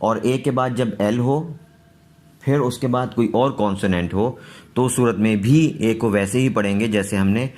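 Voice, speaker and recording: Slow, patient male teacher. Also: medium pitch, darkish tone. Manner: patient, repeats each word slowly. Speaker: English teacher. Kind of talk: slow pronunciation lesson.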